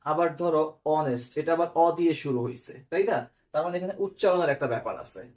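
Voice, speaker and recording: Fast-talking, with a fairly high pitch and a darkish tone, a man runs a recorded online English grammar class. He lays out the material step by step, throws in quiz questions, and repeatedly asks "clear?"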